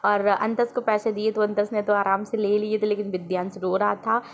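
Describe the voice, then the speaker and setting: A woman's voice: medium pitch, flat delivery, normal speed. A woman and mother narrating her family's day in a casual, chatty vlog voice-over. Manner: chatty, storytelling about family life.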